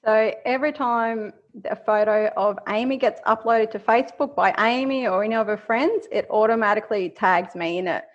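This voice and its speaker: A woman's voice: a little high, normal speed, hardly any pauses, muffled recording. A woman with a Queensland Australian accent chatting casually as a podcast guest.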